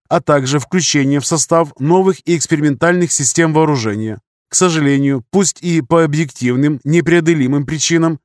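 Guy reading an audiobook puts on a stiff young english officer, higher voice, prim lecturing tone, dry close sound. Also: a little mellow, no echo, natural voice. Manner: formal, lecturing, precise.

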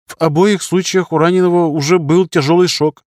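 A man's voice: fairly high pitch, steady tone, a little fast, darkish tone, no room sound, clean studio sound, voice pushed up, close to an everyday voice. A man voicing an eager, doctrinaire young male surgeon who talks earnestly and insistently. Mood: flustered.

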